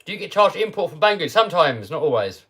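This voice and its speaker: A man's voice: on the high side, very animated, quick pace, fairly bright tone, breathy edge. A man hosting a casual livestream, chatting easily, laughing often and reading out viewers' questions. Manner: chatty and easygoing, laughs often, reads chat questions aloud. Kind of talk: casual live chat.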